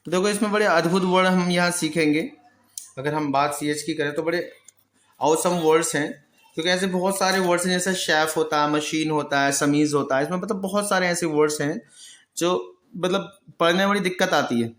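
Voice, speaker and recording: A male teacher giving a vocabulary lesson, who explains patiently, answers his own questions and repeats each word slowly. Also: on the high side, fairly even intonation, a bit bright, reverberant. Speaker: English pronunciation teacher. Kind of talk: Hindi-language vocabulary lesson.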